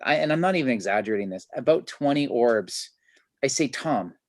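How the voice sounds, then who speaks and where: A man's voice: medium pitch, expressive, a little fast, no room sound. Chatty man hosting over a video call. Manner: chatty, enthusiastic, many fillers. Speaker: host. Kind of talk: casual interview.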